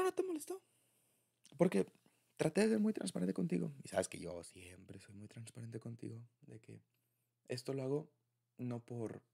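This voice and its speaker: This young man's mid-range voice is gravelly yet mellow, shaped by a Mexican accent. Making a conversational boyfriend roleplay, he talks to his partner in a casual, confiding, intimate way.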